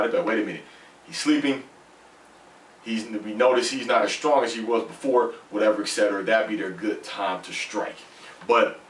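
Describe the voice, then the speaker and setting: A man with a low voice and a slushy lisp talks through a casual, off-the-cuff review. He rambles conversationally and repeats points for emphasis. He sounds away from the mic in an echoey room with faint noise. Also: fairly bright tone, far from the mic. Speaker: host of a manga chapter review.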